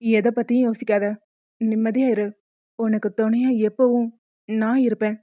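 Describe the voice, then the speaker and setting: A woman voicing a gentle young husband in a cartoon, soothing and patient. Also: fairly high pitch, level tone, normal speed, dry recording, lo-fi sound, close to an everyday voice. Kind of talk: cartoon voice acting.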